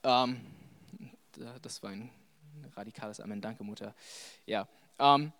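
Give me a young man delivering a chatty, animated sermon, close and dry. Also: on the low side, a little slow, dry recording. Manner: conversational, animated preaching with frequent fillers. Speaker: preacher. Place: church hall with audience.

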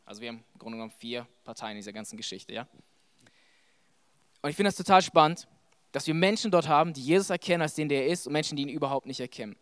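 A young adult man giving a conversational sermon to a church audience, animated and full of fillers. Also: a little high, quick pace, no echo, studio quality. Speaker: preacher.

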